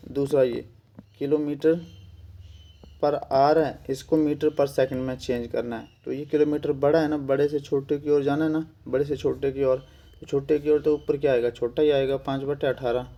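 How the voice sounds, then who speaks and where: A man's voice: medium pitch, level tone, moderate pace, lo-fi sound. A man with a Himachali Hindi accent teaching an exam-prep maths lesson, patiently repeating steps and working sums aloud.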